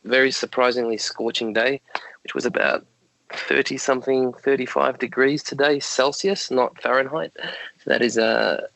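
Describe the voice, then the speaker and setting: A man with a croaky voice, giving measured, explanatory answers as a podcast guest. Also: mid-range voice, fairly even intonation, fairly bright tone, no echo, poor audio. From Australia. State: croaky voice, late at night. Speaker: guest, dog health advocate.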